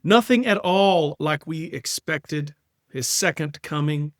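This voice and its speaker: Middle-aged man, poetry reading, unhurried, slightly high voice, dry close sound. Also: no echo. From South Carolina. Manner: slow, measured, wry storytelling delivery. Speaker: poet.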